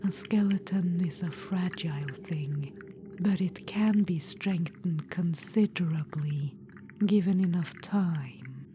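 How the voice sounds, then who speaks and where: A woman whispers softly and without voicing, her low voice moving at a slow pace over slight background noise. She plays a scheming, ancient undead witch-queen spirit in an ASMR audio roleplay, silky, coaxing and condescending as she calls the listener "darling."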